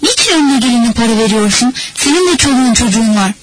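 A man's voice: extremely high pitch, expressive, fast, a bit bright, a little hiss or hum, poor audio. A woman reading the lines of a stern, practical man who scolds his friend in an audiobook. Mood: reproachful.

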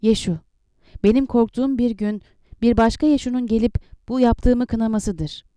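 Tired old leader of his people, soft and troubled, woman reading it, dark warm voice. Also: a little high, fairly even intonation, moderate pace, no echo, studio quality, close to an everyday voice. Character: weary aging male leader of his people.

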